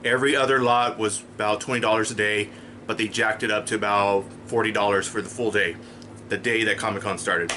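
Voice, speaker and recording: A man's voice: lowish voice, steady tone, a little fast, bright, forceful tone, a little hiss or hum. A man casually telling a personal story in his vlog, holding up items for the camera. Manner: chatty, rambling, shows items to camera. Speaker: vlogger.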